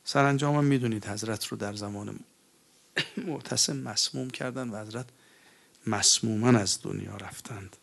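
A man's voice: fairly low pitch, gravelly. A man preaching a religious mourning sermon, moving between spoken eulogy and chanted elegy in a mournful, grieving way.

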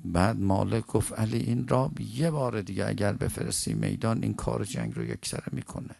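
A male preacher with a heavily gravelly, low voice tells stories in a vivid sermon. He breaks now and then into slow chanted verse. The sound is close and dry. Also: expressive, a little mellow, dry recording. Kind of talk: religious storytelling sermon.

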